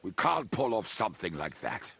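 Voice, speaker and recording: Casting: blackout-drunk medieval henchman in a game, gravelly and bitter, with big swings in pitch. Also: very animated, moderate pace, fairly bright tone, slight background noise, exaggerated voice. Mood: resigned. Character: drunken, gruff, bitter male robber and henchman. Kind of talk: video game dialogue acting.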